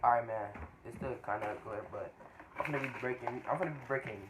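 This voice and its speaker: A man's voice: mid-range voice, fast. A young American man chatting casually in slang and repeating himself as he narrates a home cooking vlog. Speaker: vlogger. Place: home kitchen. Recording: noisy home recording with clicks.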